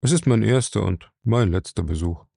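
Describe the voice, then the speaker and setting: A timid middle-aged clerk who confides his worries in a hushed, anxious tone, as a male reader voices him. A gravelly low voice, recorded dry and close. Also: expressive, normal speed, no room sound, exaggerated voice. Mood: worried.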